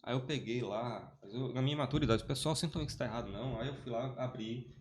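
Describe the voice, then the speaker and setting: A man's voice: mid-range voice, fast talker, darkish tone. A man, telling his faith story as a guest in a casual chat, rambling and often restarting his sentences. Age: 40s.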